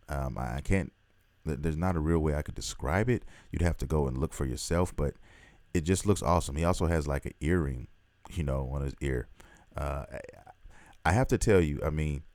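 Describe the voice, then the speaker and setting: A man hosting a casual vlog, talking excitedly in a rambling way and swearing freely. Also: a bass voice, no room sound. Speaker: host.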